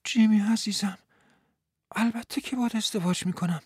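A man doing a soft, high young woman. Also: steady tone, husky, dry recording, clean studio sound. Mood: tender. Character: young woman, loving and eager fiancée. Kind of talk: audiobook reading.

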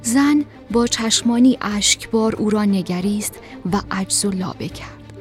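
A woman narrates a storybook at an everyday middle pitch. She reads expressively and sometimes softens to a whisper. Faint music plays behind her voice.

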